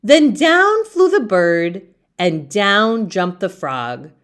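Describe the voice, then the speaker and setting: Woman reading a kids book out loud, real slow n deliberate, very animated pitch. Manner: theatrical, deliberate phrasing for young listeners. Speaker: storyteller reading children's books aloud. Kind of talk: expressive children's read-aloud narration.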